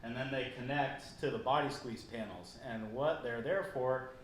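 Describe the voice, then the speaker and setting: A man's voice: medium pitch, moderate pace. A man who ranches and welds, explaining a shop project step by step in a casual how-to vlog. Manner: plain explaining, walks through each step. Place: workshop. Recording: echoey shop with faint noise.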